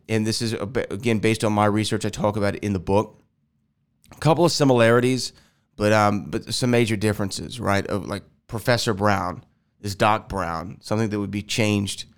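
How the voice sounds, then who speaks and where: A podcast host from Houston, Texas chats alone and casually in an air-conditioned house, rambling and self-correcting. His voice is on the low side, smooth and brisk, though nasal since he's recovering from a sinus infection.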